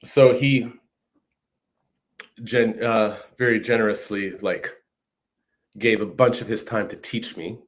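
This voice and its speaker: A man's voice: lowish voice, fairly even intonation, slow, long pauses. A man in his fifties from northern Saskatchewan, a guest musician chatting casually over a video call and often adding "you know what I mean". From Canada, northern Saskatchewan. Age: 50s. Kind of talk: casual interview chat. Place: home room, video call. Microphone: video call mic.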